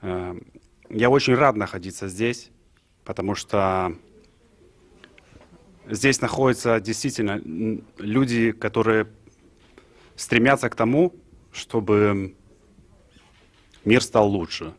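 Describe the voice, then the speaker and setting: A man gives an impromptu address to a group in a hesitant, halting way, searching for his words. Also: fairly low pitch. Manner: hesitant, halting, clearing throat. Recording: clearly noisy live room recording.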